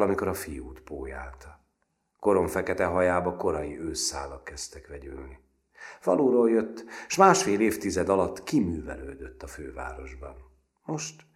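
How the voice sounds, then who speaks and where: Male audiobook narrator, very low bass voice, measured literary reading, phrase endings trailing off breathy and hushed.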